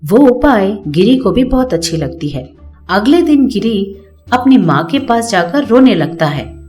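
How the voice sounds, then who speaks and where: A woman narrating a cartoon story from a script, in a plain, even storytelling way. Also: medium pitch, unhurried, soft background music.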